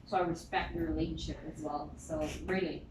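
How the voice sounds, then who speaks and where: A woman's voice: deep voice, fairly even intonation, a little fast. A woman in her thirties with a Filipino accent, interviewing someone in a casual, chatty and directive way. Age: 30s. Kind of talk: casual job interview chat. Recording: echoey noisy room.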